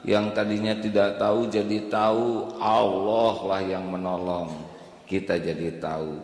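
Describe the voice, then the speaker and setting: Slow, low-voiced preacher in an echoey hall. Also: male voice, flat delivery, a little mellow. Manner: slow, unhurried sermon cadence with sung Quranic recitation. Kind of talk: sermon. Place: large hall with a congregation.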